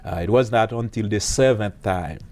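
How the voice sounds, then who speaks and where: A man speaks in a fairly low voice. He tells his life story as an interview guest, earnest and halting, pausing often on fillers. He is a pastor and a police officer. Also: a little mellow. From Haiti. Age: late 30s.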